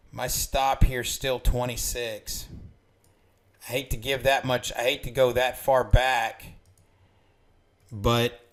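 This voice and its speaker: Man flatly calling price ticks live. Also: medium pitch. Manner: talks to himself over the ticks, calling prices in short bursts. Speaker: trader and trading educator. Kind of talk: live trading commentary on screen.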